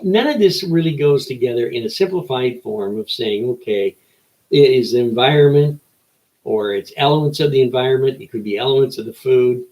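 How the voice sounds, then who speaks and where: A man's voice: medium pitch, a little fast, darkish tone, rough recording. An older man delivering a rambling opinion monologue as an old man's folksy rant, with rhetorical questions and short emphatic phrases. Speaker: show host.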